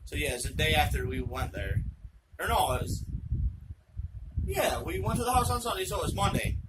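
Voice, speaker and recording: Excitable man telling a tale over loud noise. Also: on the high side, normal speed. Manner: excitable, profane, rambling with asides. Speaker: channel host telling a true story. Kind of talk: casual spoken storytelling. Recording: loud background noise with clicks.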